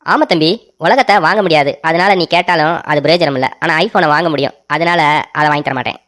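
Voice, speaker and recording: A woman's voice: deep voice, fairly quick, background noise, close to an everyday voice. A woman putting on a blustering elder brother. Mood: scheming. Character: bossy, self-pitying elder brother, grown man. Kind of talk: cartoon story voice acting.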